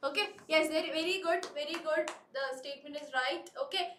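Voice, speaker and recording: A woman's voice: high voice, extremely slow, a bit bright, far from the mic, a little hiss or hum. A woman teacher, running a live online class and coaxing students with repeated prompts. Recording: echoey room.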